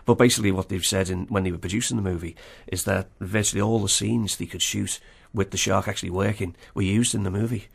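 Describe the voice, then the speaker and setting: A man's voice: lowish voice, fairly even intonation, quick pace, creaky, few pauses, breathy edge. A man with a Liverpool accent chatting informally as an interview guest, peppering his talk with 'you know'. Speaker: interview guest, film fan and exhibitor. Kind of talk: casual chat.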